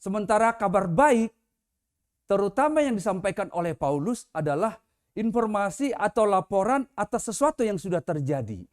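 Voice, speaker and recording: High-voiced man preaching a sermon. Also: big pitch swings, normal speed. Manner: conversational, with casual example voices. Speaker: pastor. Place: church.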